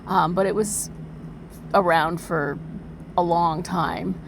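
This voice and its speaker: A woman's voice: lowish voice, steady tone, slow. A woman from Canada chatting informally as a host, explaining things in a loose, rambling way. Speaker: host and reader. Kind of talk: casual chat introducing a reading. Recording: clearly noisy background hum.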